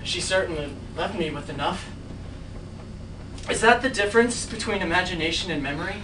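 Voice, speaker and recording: Stage play: actress as an anxious, grieving young man; low-pitched, distant, heard through room noise. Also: expressive, fairly quick, reverberant, lightly acted. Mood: sad. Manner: pleading and fretful. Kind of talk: live stage acting. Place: small theatre stage.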